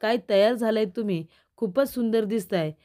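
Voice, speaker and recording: A woman's voice: on the high side, moderate pace, mellow, close to an everyday voice. A woman reading out a cheerful polite young man. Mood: friendly. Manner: friendly, courteous.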